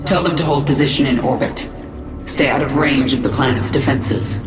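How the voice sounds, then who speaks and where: A woman's voice: very deep voice, steady tone, moderate pace, echoey room, over music. An actress playing a ruthless, vengeful queen of an alien swarm in a game, cold and commanding.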